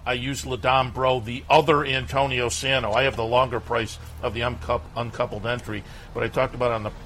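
Bright-voiced man hosting race previews. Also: medium pitch. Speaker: racing show host and handicapper.

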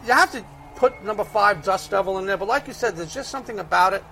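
High-pitched, creaky Brooklyn man analyzing races. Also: fast talker, sharp tone, slight background noise. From Brooklyn, United States. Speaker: horse racing handicapper. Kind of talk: conversational race analysis and picks.

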